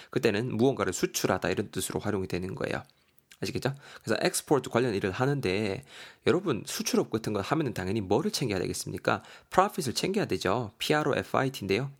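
Animated Gyeongsang-accented male teacher. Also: fairly low pitch. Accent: Gyeongsang Korean. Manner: animated, explanatory. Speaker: English teacher host. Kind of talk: podcast vocabulary lesson.

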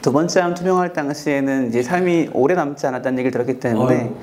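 A man in his forties, a dermatologist guest on a talk show, telling a personal story in a measured, earnest way with many fillers. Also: medium pitch, a little mellow. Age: 40s.

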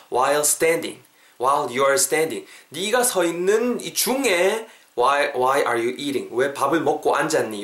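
A man, hosting a podcast English lesson and repeating phrases slowly for listeners to drill. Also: on the high side, fairly bright tone, roomy sound. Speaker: English teacher, podcast host.

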